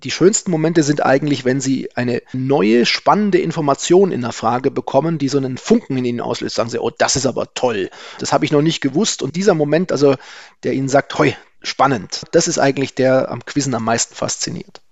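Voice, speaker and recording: A man's voice: medium pitch, brisk, creaky, dry recording. Enthusiastic man from the Allgäu. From Allgäu, Bavaria. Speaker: quiz champion interviewee. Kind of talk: interview answers.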